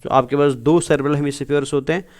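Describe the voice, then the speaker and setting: A man's voice: fairly high pitch, steady tone, quick pace, a little mellow. A man teaching biology for an exam, asking questions and answering them himself as he mixes English terms into his talk. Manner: keeps asking and answering his own questions, calls students "beta". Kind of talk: exam-prep lecture over slides.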